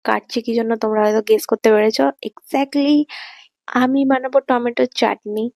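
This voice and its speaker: A woman giving a chatty voice-over for her vlog, her throat a little hoarse this morning, mixing in English words. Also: fairly high pitch, fairly even intonation, moderate pace, darkish tone, no room sound. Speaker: vlogger. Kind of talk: casual voice-over narration. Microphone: voice-over mic.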